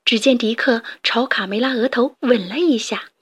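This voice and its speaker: Breathy woman reading a children's story. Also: a little high, normal speed, no echo. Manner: gentle, expressive reading.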